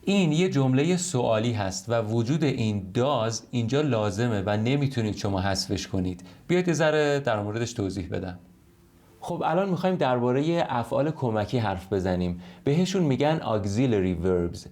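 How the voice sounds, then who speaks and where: Male language teacher at home. Patient explainer who slows right down for the English examples, with a mid-range voice. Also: medium pitch, animated, a little mellow. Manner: explains in Persian, reads English examples slowly and carefully. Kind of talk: online language lesson. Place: home recording.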